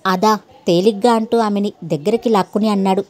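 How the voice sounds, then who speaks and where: A woman narrating a family story in a steady, gentle storytelling manner. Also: medium pitch, brisk, soft background music. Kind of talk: narrating a Telugu story, voicing every character.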